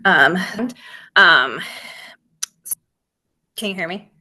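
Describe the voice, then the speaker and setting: A woman's voice: fairly low pitch, expressive, extremely slow, pushed and bright. A woman joining an online meeting over a video call whose audio keeps cutting out and dropping, and she keeps asking whether she can be heard. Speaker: roundtable panelist.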